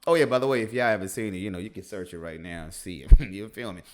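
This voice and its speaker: Animated man reacting with laughter. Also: fairly low pitch, fast talker, background noise. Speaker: reaction host. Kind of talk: casual reaction commentary.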